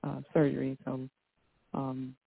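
A woman calling in to a radio show over a phone line, soft-spoken, polite and halting. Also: a bass voice, completely flat delivery, vocal fry, husky, no room sound. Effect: heard over a phone line.

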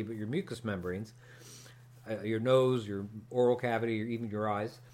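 A man hosting a podcast, answering a listener's question in a relaxed, explanatory way with fillers and small jokes. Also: medium pitch. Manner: explanatory, joking, with frequent fillers. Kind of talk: casual podcast chat and explanation.

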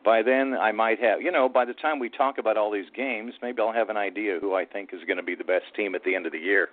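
A man with a velvety, fairly deep voice talks casually about sports as a regular caller. The sound is thin and narrow, as on a phone line. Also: fast talker, no echo. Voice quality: smooth, velvety voice. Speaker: regular call-in betting expert, former DJ. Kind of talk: casual sports talk chat.

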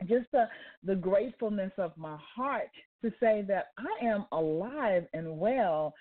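A woman's voice: mid-range voice, expressive, measured pace. Older woman hosting faith talk by phone. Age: 60s. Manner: effusive, repeats phrases for emphasis. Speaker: talk show host and church elder. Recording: tinny phone line.

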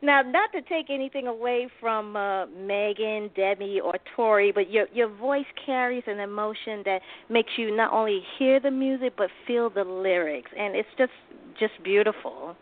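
A woman's voice: medium pitch, moderate pace, hardly any pauses. A woman hosting a radio interview show, speaking effusively with many fillers and restarts. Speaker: host. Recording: tinny phone-like line.

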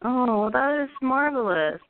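A polite woman calling in to a radio show over the phone, thanking the host and laughing softly. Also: high voice, lively intonation, a little slow. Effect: caller heard over a phone line. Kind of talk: casual call-in conversation. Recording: tinny phone line.

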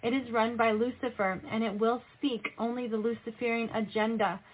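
In a slightly high, steady voice at a moderate pace, a woman proclaims prophecy and reads scripture, solemnly admonishing her listeners and asking rhetorical questions. She presents herself as a prophetess delivering God's message, and the sound is tinny, narrow-band and phone-like.

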